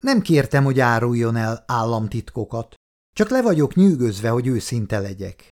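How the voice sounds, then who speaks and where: A man's voice: mid-range voice, expressive, darkish tone, natural voice. A male audiobook reader voicing a curious, earnest young woman official who asks questions directly and with polite insistence. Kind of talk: audiobook character voice.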